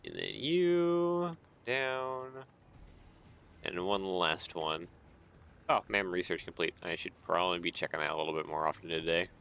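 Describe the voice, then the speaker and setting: With a deep, gravelly voice and a brisk delivery, a man streams a game and thinks aloud while building. He's tired and yawns, yet keeps chuckling through his relaxed rambling, with soft music in the background.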